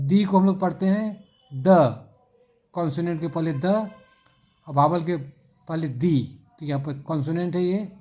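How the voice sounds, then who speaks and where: Patient man spelling words out slowly. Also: fairly high pitch, dark tone. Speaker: teacher. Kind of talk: explaining an English textbook exercise.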